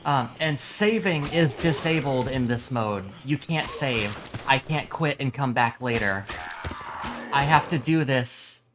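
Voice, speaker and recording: Over music, a groggy game streamer who seems freshly woken talks slowly in a mid-range voice. He keeps it informal and sweary, explaining as he plays in live commentary.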